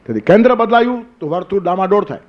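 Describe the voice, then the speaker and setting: Older man, sermon, rhetorical questions, higher voice, muffled lo-fi sound. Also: animated, rapid-fire. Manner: storytelling with rhetorical questions and quoted verses. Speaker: spiritual teacher. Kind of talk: Gita discourse sermon.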